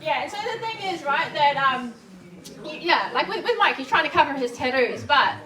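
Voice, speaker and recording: A woman with a New Zealand accent gives an informal sermon, sounding nervous and hesitant, with halting false starts. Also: high-pitched, lively intonation, crowd noise. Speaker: preacher. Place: echoey indoor room before a gathering. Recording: distant microphone, echoey room, faint noise.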